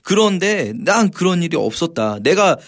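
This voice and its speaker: Man, slightly high voice, Bible teacher, lively conversational commentary, dramatizes quoted lines. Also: normal speed. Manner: explains animatedly, acting out quoted lines with feeling; frequent filler "막", informal storytelling.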